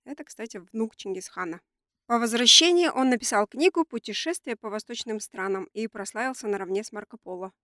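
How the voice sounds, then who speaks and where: Her cold gives this woman a nasal, blocked-nose sound as she co-hosts a podcast discussion built around prepared facts. She speaks fairly quickly in a slightly high voice with lively intonation, pushed and bright. The studio sound is clean, with no echo.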